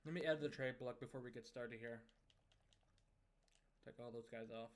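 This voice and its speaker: A young man with a mid-range voice narrates his hockey management game from a home desk setup. He runs through goals, periods and roster changes in a casual, even-keeled commentary style. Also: mid-range voice, normal speed. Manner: steady, conversational recap of scores and lineup moves.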